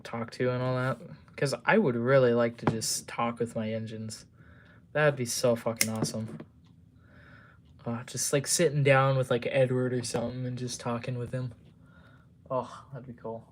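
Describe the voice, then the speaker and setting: A man's voice: mid-range voice, a little hiss or hum. A man chatting casually on a live stream while building model trains at a home workbench, rambling with lots of fillers and casual swearing.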